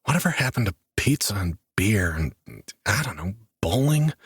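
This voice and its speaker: A man's voice: on the low side, big pitch swings, moderate pace, a bit bright, breathy edge, no room sound, full character voice. A man voicing a young man who mutters dry, sarcastic complaints. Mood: sardonic. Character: wry, grumbling young man, reluctant adventurer.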